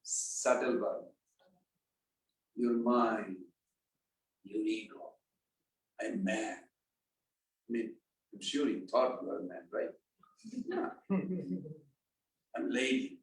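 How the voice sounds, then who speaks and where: In an echoey room with a distant mic, a man gives a scripture class at a slow pace, pausing often. His voice is on the low side. He talks casually, quizzes his audience and chants verses.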